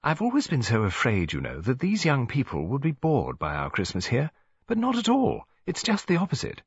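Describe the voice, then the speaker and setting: A male narrator gives a full character voice to a genteel English lady nearing seventy, who chats and rambles politely in a chatty, confiding mood with very lively, swooping pitch. The voice is a little husky at a moderate pace. The audiobook recording is dull, close and dry with no echo.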